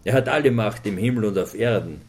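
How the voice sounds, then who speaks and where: A man's voice: lowish voice, a little fast, darkish tone. A man preaching a sermon, quoting scripture with fervent emphasis.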